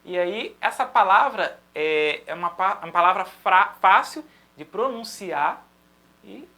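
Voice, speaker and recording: A Brazilian man teaching a drum lesson, patiently explaining and chanting syllables in a steady rhythm to demonstrate. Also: sits high, a little slow. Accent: Brazilian Portuguese.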